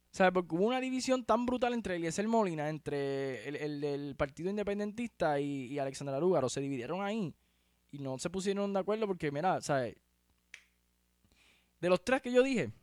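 A man's voice: on the high side, animated, a little fast, darkish tone, dry recording. Heated Puerto Rican man ranting. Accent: Puerto Rican Spanish. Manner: rambling, heated, slangy. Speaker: show host. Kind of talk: casual commentary.

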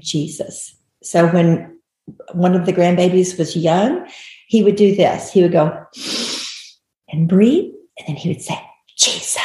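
Gravelly-voiced older woman, low and mellow. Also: reverberant. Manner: earnest, gentle, teacherly. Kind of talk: explanatory talk.

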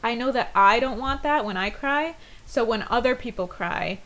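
A woman's voice: on the high side, normal speed, a bit bright, low-quality recording. A woman in her twenties in a casual chat, laughing often and swearing freely. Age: 20s.

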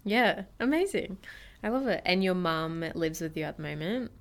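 An Australian-accented woman hosts a podcast interview in a casual chat, prompting her guest in an encouraging, upbeat way and laughing readily. Her voice is fairly low, expressive and creaky.

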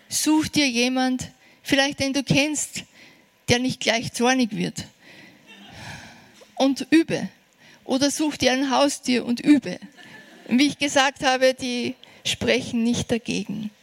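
Woman w/ preaching, earnest + encouraging, fairly high voice, slows down to stress things. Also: gravelly. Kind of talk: sermon.

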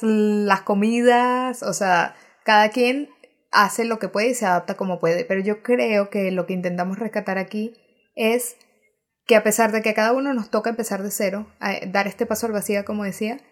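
Woman guest, middle pitch, measured and reflective, hesitates with fillers. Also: steady tone. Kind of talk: casual conversation.

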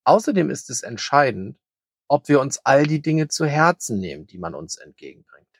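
Baldur, a man doing a calm old hare. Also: mid-range voice, moderate pace, vocal fry, slightly rough, no echo, clean studio sound, full character voice. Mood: gentle. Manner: gentle, soothing, wise. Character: very old calm kind grey male hare. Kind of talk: children's story reading.

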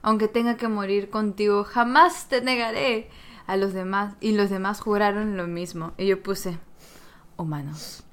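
A woman's voice: medium pitch, fairly even intonation, unhurried, clean tone. A woman reading Bible verses aloud and joking with a friend in a casual study chat. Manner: playful, giggly, reads verses aloud.

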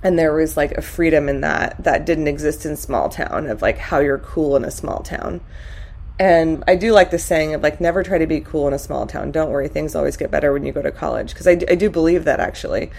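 A woman's voice: low-pitched, brisk, creaky, a little mellow. A middle-aged woman from California chatting candidly on a podcast, reflective, with many fillers. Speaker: guest. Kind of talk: casual podcast conversation.

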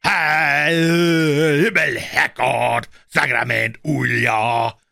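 A man voicing a coarse, quarrelsome Munich porter turned angel, in a thick Bavarian accent, shouting and cursing indignantly. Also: lowish voice, brisk, vocal fry, breathy edge, no room sound, studio quality, full character voice. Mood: roaring song.

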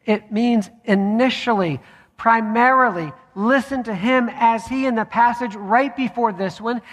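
A man preaching a sermon as pastor, measured, with deliberate pauses. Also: very high voice, a bit bright. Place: church sanctuary. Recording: long hall reverb.

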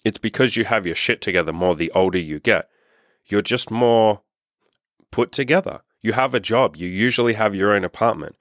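Low-voiced profane man in his thirties. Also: moderate pace, fairly bright tone, no echo, studio quality. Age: 30s. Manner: candid, upbeat and heavily profane. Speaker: dating and self-improvement coach. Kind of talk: casual podcast monologue.

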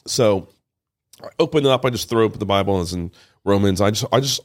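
A man giving an emotional personal testimony in an interview, halting and often repeating his words. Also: lowish voice. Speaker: interview guest, father. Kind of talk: personal testimony, casual storytelling.

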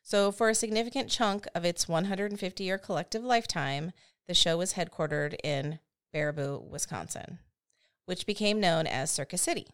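Speaking at a normal speed in a smooth, lowish voice, a thirtysomething woman hosts a podcast. She recounts a piece of history conversationally, poking fun at herself and laughing a lot along the way.

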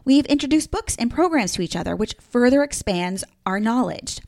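A woman's voice: fairly high pitch, lively intonation, moderate pace, gravelly, darkish tone. A woman in her fifties with a New Jersey accent, hosting a solo podcast in an upbeat, emphatic, playfully sarcastic way. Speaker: podcast host.

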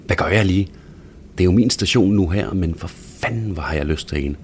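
A man reading a first-person story aloud in a hushed, intimate manner that sometimes drops to a whisper. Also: deep voice, lively intonation, a little hiss or hum. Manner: hushed, intimate delivery, dropping to a whisper at times. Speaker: narrator.

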